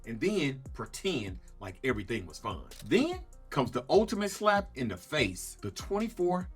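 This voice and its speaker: A man presents opinionated sports commentary in the manner of a smug, sarcastic exposé. His mid-pitched voice swings widely for dramatic emphasis and pointed rhetorical questions. Music plays faintly behind him. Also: big pitch swings, moderate pace.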